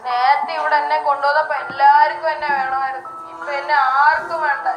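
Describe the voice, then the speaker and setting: A woman playing a lonely young girl who has been left home alone, speaking softly and plaintively in a comedy skit. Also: high voice, fairly even intonation, quick pace, echoey room, highs cut off, over music, lightly acted.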